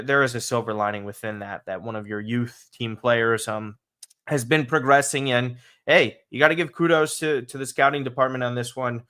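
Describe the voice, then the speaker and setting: Male podcast host, slight lisp, medium-pitched voice, casual and emphatic soccer commentary delivered straight to live viewers. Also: pushed and bright, clear, resonant tone. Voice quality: slight lisp from dental aligners.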